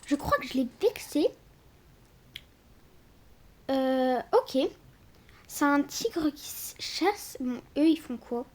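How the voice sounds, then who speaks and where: A woman giving casual let's-play commentary indoors at night. She bursts into loud exclamations and drops into hushed, whispered asides. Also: high voice, lively intonation, slow pace, pauses often. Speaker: gaming video creator.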